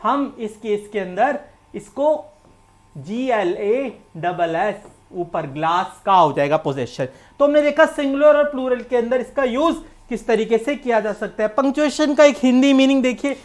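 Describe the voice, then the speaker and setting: Indian woman teacher explaining grammar for an exam, slightly high voice, goes step by step. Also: expressive, unhurried, darkish tone. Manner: explains step by step, mixing English terms into Hindi. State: coughing, needs water. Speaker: English teacher. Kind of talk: exam-prep lecture.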